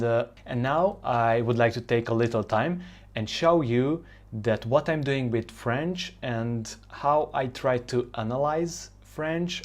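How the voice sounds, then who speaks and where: Hungarian-accented man explaining, mid-pitched. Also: a little mellow. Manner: halting, searching for words, non-native phrasing. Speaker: language-learning presenter. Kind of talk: informal explanatory tutorial.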